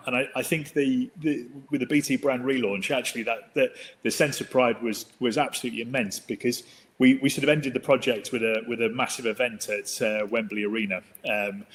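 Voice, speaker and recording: A man, a marketing executive, answering an interview question hesitantly with many restarts. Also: medium pitch. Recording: long hall reverb.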